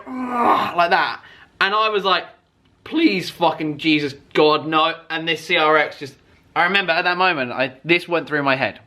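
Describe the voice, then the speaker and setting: In a high voice, a man recounts a personal story vlogger-style, casual and excitable, swearing for emphasis and acting out his reactions.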